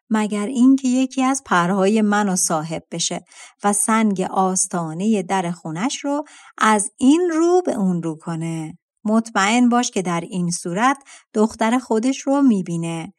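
A woman's voice: mid-range voice, animated, lightly acted. Woman putting on a fierce giant vulture. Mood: scolding. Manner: loud, fierce demanding outbursts. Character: giant male vulture, menacing and gruff.

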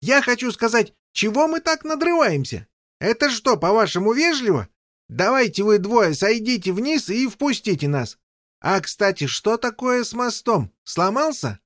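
A man's voice: high-pitched, sing-song, moderate pace, a bit bright, no echo, clean studio sound, voice pushed up. A man voicing a bumbling, overexcited king who chatters on and never lets others speak. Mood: chattering. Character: bumbling, overexcited middle-aged male king. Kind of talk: audiobook character voice.

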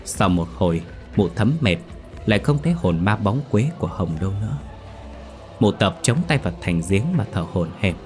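A man reading a ghost story aloud as narrator, in a steady, dramatic manner. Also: on the low side.

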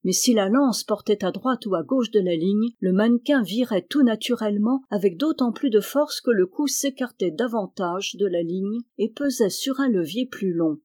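A reader narrating a nineteenth-century adventure novel in an even, measured delivery. The voice sits in a middle register with calm pacing. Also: medium pitch. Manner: steady measured reading. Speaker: audiobook reader.

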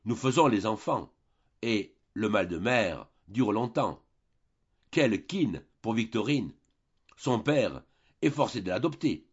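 A man's voice: on the low side, expressive, takes it slowly, breathy edge, highs cut off, exaggerated voice. A man voicing a chattering older female boarding-house keeper in an audiobook, with a rambling, gossipy delivery.

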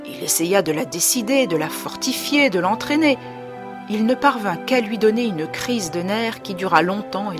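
A woman narrating a classic story as an audiobook reader, clear and expressive. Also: medium pitch. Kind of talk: scripted narration.

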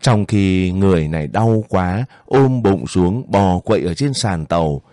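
Low, dark-toned male storyteller. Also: dry recording, clean studio sound. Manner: steady, measured storytelling. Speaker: audiobook narrator. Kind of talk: scripted narration of a war novel.

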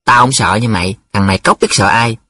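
Brief: a man acting a hesitant, defensive young male student, husky, audiobook character. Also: fairly low pitch, a little fast, sharp tone.

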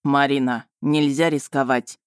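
Proud male dragon lord, voiced by a woman, low and slow, cool, faintly mocking, audiobook. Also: fairly even intonation, smooth, no room sound, clean studio sound. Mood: measured.

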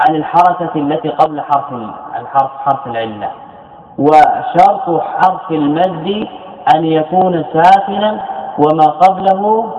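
A man teaching grammar as a scholar in a classroom lecture. He repeats key phrases and asks questions that he answers himself. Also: on the high side. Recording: tinny echoey lecture hall recording.

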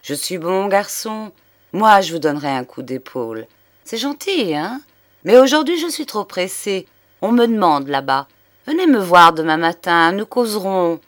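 A woman's voice: on the low side, sing-song, a little slow, no echo, studio quality. A woman reading the part of a smug male police chief who talks down to an old man. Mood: smug, teasing. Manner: mocking, condescending.

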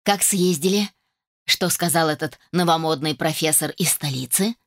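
A woman voicing an excitable, loving middle-aged mother in an audiobook, full of exclamations. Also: low voice, normal speed, no echo, clean studio sound. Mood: excited. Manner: exclaiming, emotional. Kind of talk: audiobook character voice.

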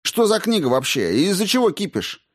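Man doing a snappish rough thief-boss. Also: lowish voice, wildly swooping pitch, normal speed. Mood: defensive shouting. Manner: snapping, defensive outbursts. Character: irritable rough male thief-warlord, sulky and defensive.

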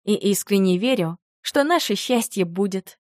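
Young woman, audiobook narrator, expressive, lively, dry close-mic sound. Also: mid-range voice, normal speed, no echo. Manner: lively, expressive storytelling, light and teasing in dialogue. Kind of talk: first-person fantasy romance narration.

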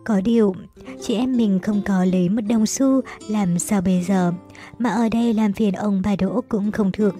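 A woman's voice: mid-range voice, normal speed, mellow, faint music behind, natural voice. A woman voicing a caring, anguished eldest sister from a storybook, pleading and tender with her younger siblings.

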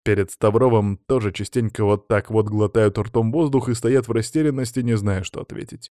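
A man's voice: on the low side, no echo. Man narrating an audiobook, dry close voice. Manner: steady, measured storytelling. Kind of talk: scripted narration.

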